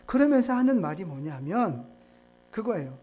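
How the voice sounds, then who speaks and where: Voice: medium pitch, animated, normal speed, dark tone, highs cut off. A pastor preaching a sermon in a church in a conversational way, putting questions to the congregation. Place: church sanctuary.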